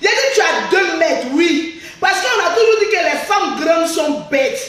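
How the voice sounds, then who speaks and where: A woman blogger giving a boastful, taunting livestream rant, often laughing and shouting. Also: very high voice, very animated, normal speed. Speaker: social media blogger. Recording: very echoey, far from the mic.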